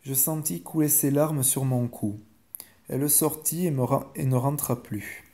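A man calmly reading a bedtime story aloud in a measured way. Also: medium pitch. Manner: calm and measured.

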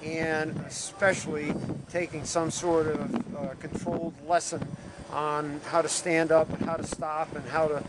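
An older man, a ski patroller, giving a measured interview about injuries outdoors, pausing often with fillers. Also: fairly high pitch, flat delivery. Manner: measured, hesitant with many fillers. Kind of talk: news interview. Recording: loud wind noise outdoors.

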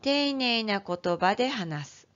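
A woman teacher giving an online lesson to first graders, speaking gently and clearly to young children. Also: medium pitch, animated, takes it slowly, highs cut off. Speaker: elementary school teacher.

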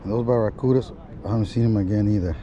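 Talking at a racing pace in a fairly low voice, a man fishes on an ocean pier while chatting informally to viewers he addresses as "guys," full of slang. He's a fishing vlogger filming on a body-worn action camera. Loud wind and sea sounds come through, and the audio is dull.

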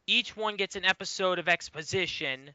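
A man's voice: high voice, normal speed, bright, forceful tone, no echo, highs cut off. A man from Rhode Island with a Boston-like southern New England accent, chatting casually as a podcast co-host. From Rhode Island, USA. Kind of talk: casual fan podcast chat.

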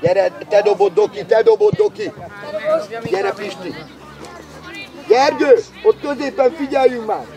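A man with a very high, strained voice coaches a youth football match from the sideline. He calls out player names and barks short, urgent instructions. Crowd chatter from the outdoor pitch fills the background. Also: very animated, creaky, pauses often.

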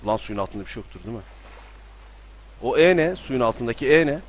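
A young man giving casual live commentary while playing a game at home, talking to himself and sometimes bursting into panicked yelling. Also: mid-range voice, lively intonation, fairly quick. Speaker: streamer. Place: room at home with balcony door open.

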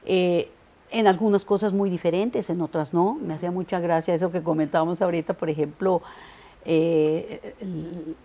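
Speaking on the low side at a moderate pace, an older woman from Mexico with a Costa Rican softening to her accent shares memories as an interview guest. She's an animated storyteller who voices little dialogues and restarts frequently, seated indoors on a studio set made to look like a living room.

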